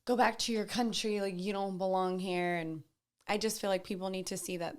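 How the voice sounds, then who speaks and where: A woman's voice: mid-range voice, steady tone, fairly quick. A woman co-hosting a casual podcast, asking questions in a chatty way, with many fillers. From Arizona, USA. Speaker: podcast co-host.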